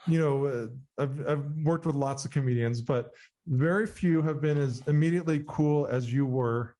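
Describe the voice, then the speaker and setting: A podcast host with a mellow, mid-range voice chats casually at a moderate pace in an interview. He puts playful, teasing questions to his guest.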